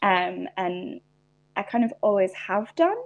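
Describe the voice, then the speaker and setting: A woman's voice: mid-range voice, lively intonation, unhurried, vocal fry, rough recording. A young Irish woman, a podcast guest, talking reflectively in a casual interview with frequent restarts. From Ireland.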